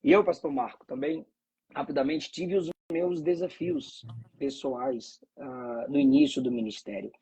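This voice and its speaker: A man's voice: on the high side, big pitch swings, a little slow, gravelly, dark tone, breathy edge, low-quality recording. A man from Bahia, a pastor, speaking with fervent preacherly cadence and frequent hallelujahs. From Bahia, Brazil. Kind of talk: conversation and preaching reflection.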